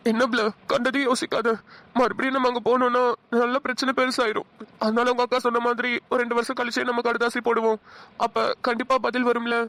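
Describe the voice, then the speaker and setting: In this cartoon role, a voice actor voices a caring young husband from a village, coaxing and reassuring with rustic address. His natural, mid-range voice is level, fairly quick and a bit bright, with no echo.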